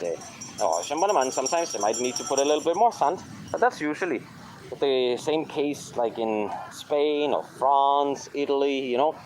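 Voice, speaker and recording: A man films himself strolling a city beach with a handheld camera, offering casual commentary mostly in English with some Tagalog phrases in a non-native accent. His mid-range voice competes with a noisy background.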